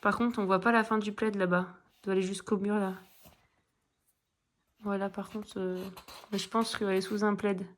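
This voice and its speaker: A woman's voice: medium pitch, little pitch movement, moderate pace, pauses often, slight background noise. A middle-aged woman chatting casually in a coloring vlog, rambling with many fillers and restarts. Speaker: coloring vlogger. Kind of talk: casual chat.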